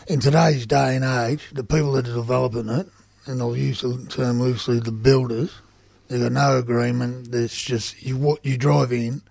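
Australian male, heavily gravelly and husky, blunt colloquial storyteller for casual radio chat, close dry sound. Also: mid-range voice, fairly even intonation, normal speed, darkish tone, no echo. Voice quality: gravelly, rough. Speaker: union organiser reporting on site visits. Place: community radio studio.

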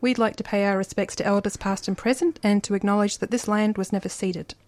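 A woman's voice: mid-range voice, fairly even intonation, a little mellow, dry recording. Woman hosting a community radio show. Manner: measured, scripted introduction. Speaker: radio host. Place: radio studio. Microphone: studio microphone.

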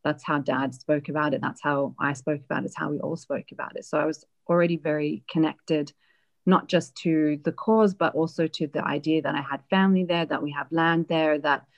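A woman being interviewed, reflectively telling a personal family story with many pauses and fillers. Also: deep voice, steady tone. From Australia. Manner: reflective, hesitant with frequent fillers.

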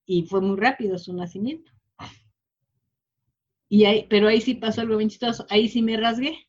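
A woman's voice: medium pitch, fairly even intonation, a little fast. A woman shares a personal story in an interview, her speech emotional and full of fillers and restarts. The recording sounds slightly dull and lo-fi. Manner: warm, emotional, many fillers.

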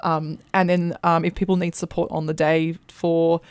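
A woman's voice: sits low, little pitch movement, moderate pace, darkish tone, clear, resonant tone, no room sound. A woman explaining her work as a housing support worker in a casual, slightly tentative studio interview. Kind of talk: casual radio interview talk. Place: radio studio.

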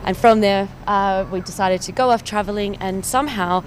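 A woman's voice: medium pitch, moderate pace, a little hiss or hum. A woman in her thirties from Perth with an Australian accent, telling her own story in a chatty, enthusiastic way with small laughs, outdoors on a city street. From Perth, Western Australia. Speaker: cycling campaign officer. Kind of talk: casual personal account to camera.

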